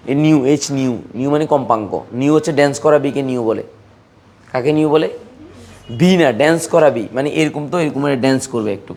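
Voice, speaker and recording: A man's voice: mid-range voice, darkish tone, slight background noise. A man teaching a chemistry class, repeating key terms and quizzing his students, sometimes teasing and scolding them. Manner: repetitive, drilling students with questions. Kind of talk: classroom lecture.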